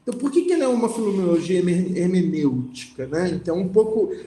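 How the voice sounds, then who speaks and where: High-voiced lecturer in an echoey room. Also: male voice, animated, quick pace, warm tone. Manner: reads passages aloud, then comments with frequent "né?" and restarts. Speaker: philosophy lecturer. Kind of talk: lecture, reading and explaining a text.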